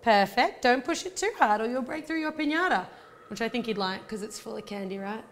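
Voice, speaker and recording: With a fairly high, animated voice and a slightly fast pace, an Australian woman in her thirties hosts her baking channel. She cooks in a home kitchen, chatting cheerfully through each step.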